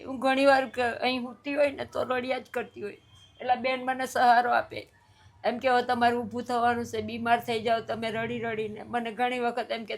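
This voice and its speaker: An older woman, crying as she tells of her hardships in an interview, pleading and repeating herself. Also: a little high. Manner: tearful, pleading, repetitive. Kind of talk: emotional personal account.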